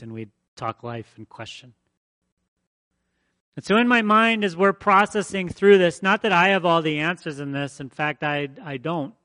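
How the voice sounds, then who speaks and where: A man's voice: fairly high pitch, fairly bright tone, no room sound. A man preaching a conversational sermon as pastor, emphatic and fond of repeating his phrases.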